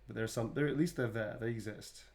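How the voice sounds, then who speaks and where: A man's voice: lowish voice, quick pace, darkish tone. Guy chatting away while he doodles for fans, pokes fun at himself a lot, laughs a bunch. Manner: chatty and self-mocking, laughs often. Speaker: voice actor signing fan requests. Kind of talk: casual stream chat while drawing.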